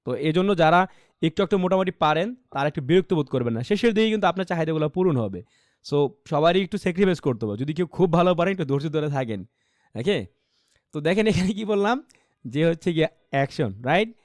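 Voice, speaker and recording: A Bangladeshi-accented man teaching an English pronunciation class, with a fairly high voice in a dry, close recording. He switches between two languages, repeats phrases, and puts questions to his students. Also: lively intonation, quick pace, a little mellow, no room sound. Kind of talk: online class lecture.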